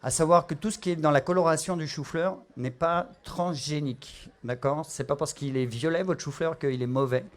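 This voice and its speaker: A man's voice: a little high, moderate pace, few pauses. A middle-aged man with a Parisian French accent, a chef explaining a cooking demonstration, with frequent fillers and restarts. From France.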